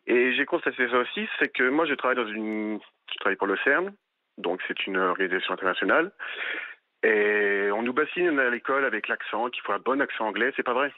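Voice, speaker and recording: A man's voice: mid-range voice, brisk, no echo. A man calling in to a radio talk show, chatting frankly with some hesitant fillers. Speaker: caller. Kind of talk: casual phone-in chat. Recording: tinny phone line.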